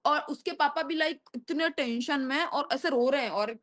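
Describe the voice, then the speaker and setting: A young woman telling a story on a video call, fast, profane and animated. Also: high-pitched. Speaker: stranger on a video chat. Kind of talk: casual storytelling on a video chat.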